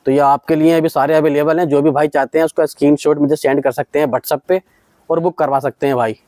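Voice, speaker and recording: A man's voice: mid-range voice, darkish tone, dry recording. A man with a western Uttar Pradesh accent, selling pigeons in a casual vlog and eagerly urging viewers to look at each bird's quality. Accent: Western Uttar Pradesh Hindi. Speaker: pigeon seller showing birds.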